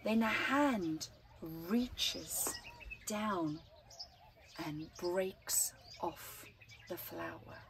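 Woman, middle-aged, slow children's story reading, expressive pauses, open-air recording, light bird chirps behind. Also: lowish voice, gravelly, noisy background. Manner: deliberate, dramatic pauses between short phrases. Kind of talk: expressive picture-book read-aloud for children. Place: outdoors in an open gazebo at a flower farm. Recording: outdoor recording with birdsong behind. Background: birds chirping.

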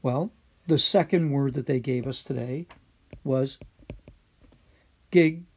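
A man's voice: mid-range voice, unhurried, gravelly, husky. A man teaching a recorded Greek lesson, patiently quizzing students and using frequent fillers.

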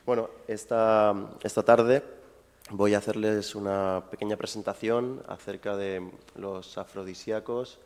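A man's voice: fairly low pitch, fairly even intonation, unhurried, darkish tone. A man giving a public lecture to a live audience, chatty and informal, with asides to the people in the room. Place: university lecture hall with audience. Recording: long hall reverb.

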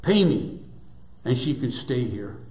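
A man's voice: mid-range voice, sing-song, slow, darkish tone. A weary landlord laying down the facts bluntly, with no patience left, voiced by a male preacher. His lines echo around a church sanctuary. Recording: echoey church room.

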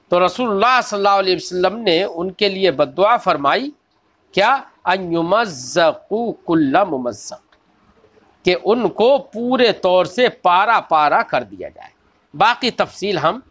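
A man teaching a religious lesson. He reads each quoted line slowly and deliberately, then explains it and often asks rhetorical questions of his listeners. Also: high voice, fairly bright tone. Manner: slow, deliberate recitation of quoted text. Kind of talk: scripture lesson, reading Arabic then explaining.

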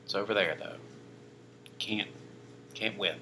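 A man's voice: on the low side, a little slow, noisy background. A young man casually reviewing a pizza on camera, rambling with lots of fillers and dry self-mocking asides. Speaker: food reviewer. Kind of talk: casual food review vlog.

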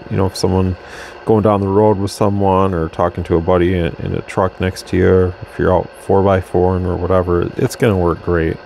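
At an indoor workbench stacked with radio gear, a man casually shows off a radio for a product demo, chatting loosely while he tweaks things. He has a low, creaky voice, with a bit of hiss or hum in the recording.

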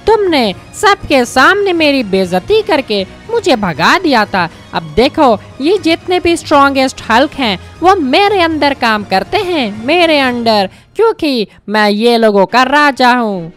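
A woman's voice: high voice, very animated, measured pace, hardly any pauses, soft background music. A woman voicing a scrawny, vengeful male Hulk king in a game story, sneering and menacing.

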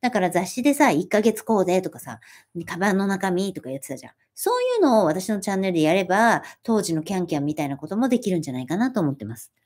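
Lively woman chatting on a livestream. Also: lowish voice, racing. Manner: reads viewer comments aloud and answers them chattily; animated, friendly, self-deprecating. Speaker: livestream host. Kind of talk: casual livestream chat.

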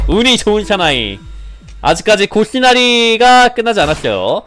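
Young male streamer, lively high-ish voice, game music under him. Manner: animated, pleading and laughing, repeats phrases rapidly. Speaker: gaming streamer. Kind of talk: excited game commentary.

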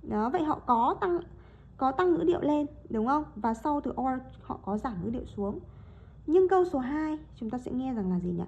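A woman teacher with a high, mellow voice walks through a lesson step by step. She keeps checking in with her listeners, and she reads example sentences slowly with exaggerated rises and falls. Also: lively intonation, creaky, muffled recording. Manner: explains step by step and keeps checking with rhetorical questions. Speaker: English teacher. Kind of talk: explaining a lesson.

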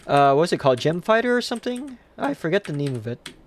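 A livestreamer talks chat through a round of play in loose, rambling live commentary. The voice sits at an ordinary middle pitch, mocking itself and cursing at the game as it goes. Faint game music and keyboard clicks run underneath. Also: very animated, quick pace. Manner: rambling, self-mocking, swears and rages at the game.

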